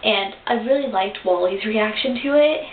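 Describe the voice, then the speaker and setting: A woman's voice: medium pitch, moderate pace. A young woman gushing about a cartoon episode in a casual fan review, with lots of fillers and restarts. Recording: tinny lo-fi webcam audio in an echoey room with hiss.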